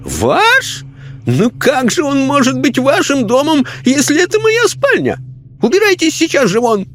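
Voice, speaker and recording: A man voicing a frightened, bossy elderly lady spirit who talks in a shrill, panicky, scolding way. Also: huge pitch swings, unhurried, a bit bright, full character voice. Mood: imperious.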